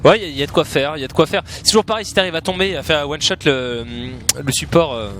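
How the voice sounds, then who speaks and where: High-voiced Frenchman doing play-by-play esports commentary. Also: fast, noisy background. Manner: play-by-play announcer calling fights excitedly, repeating player names. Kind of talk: live video game match commentary.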